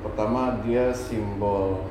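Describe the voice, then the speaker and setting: A man's voice: on the low side, fairly even intonation, takes it slowly, recorded from a distance. A man explaining a character reading in conversation, didactic and emphatic, often checking with tag questions. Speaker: guest fortune reader. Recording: very echoey room, faint background noise.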